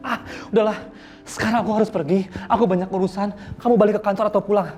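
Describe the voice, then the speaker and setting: An actor as an evasive, stressed young boyfriend. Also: male voice, high voice, steady tone, fast, darkish tone, soft background music, close to an everyday voice. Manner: evasive, pleading, exasperated. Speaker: actor in a TV drama. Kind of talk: TV soap drama acting.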